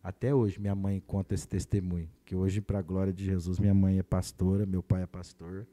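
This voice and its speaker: Brazilian male pastor, podcast testimony, low and mellow, animated storyteller who voices the people in his story. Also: moderate pace. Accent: Brazilian Portuguese. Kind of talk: personal testimony in a podcast conversation.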